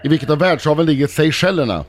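A man reading quiz questions briskly on a morning radio show. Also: a little high.

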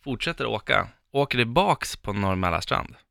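Gravelly man telling a story. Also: lowish voice, no echo, studio quality. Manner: animated anecdote, quotes himself and others. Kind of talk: casual storytelling chat.

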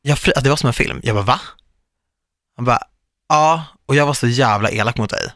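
A man in his thirties, hosting a podcast, telling a personal story in a lively way and acting out the people in it. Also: medium pitch, dry recording, studio quality. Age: 30s. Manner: animated storytelling, quotes others vividly. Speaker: podcast host. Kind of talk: casual podcast chat.

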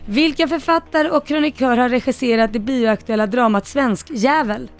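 A woman co-hosting a radio show, reading quiz questions briskly and clearly. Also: sits high, faint music behind. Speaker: radio co-host, quiz reader.

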